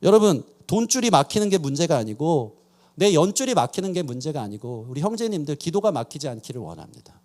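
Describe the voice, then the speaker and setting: A male pastor delivering a sermon in a church. His voice sits high and leaps around with lively swings of pitch. He tells stories with self-deprecating humor before driving the lesson home. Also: fast talker. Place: church sanctuary.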